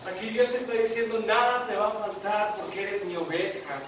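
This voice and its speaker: A man in his thirties with a Guatemalan Spanish accent, preaching a sermon in earnest, rising on his questions and slowing down to read scripture. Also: sits high, fairly even intonation, a bit bright, slight background noise. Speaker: pastor. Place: church sanctuary. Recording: very echoey church hall, voice from a distance.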